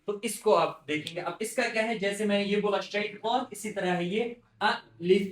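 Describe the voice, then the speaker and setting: A man teaching a Quran recitation class, patiently drilling his students and repeating words slowly. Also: high voice, echoey room.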